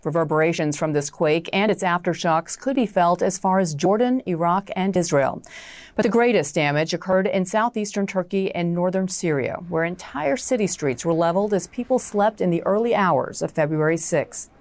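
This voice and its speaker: Female news anchor, lowish voice, measured interview delivery, dry booth. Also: a little mellow, dry recording. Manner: measured, formal questioning.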